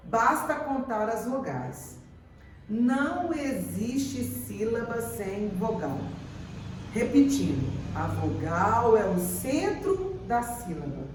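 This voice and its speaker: A woman teacher giving a slow, deliberate grammar lesson, repeating example words. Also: on the high side, a little mellow, slight background noise. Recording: echoey room, mic at a distance.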